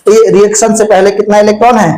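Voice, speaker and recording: A man's voice: sits high, level tone, fast talker, darkish tone, rough recording. A man teaching a physics exam-prep lesson, folksy and chatty, asking questions and answering them himself. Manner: folksy, asks and answers his own questions. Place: classroom with lights on, insects flying around.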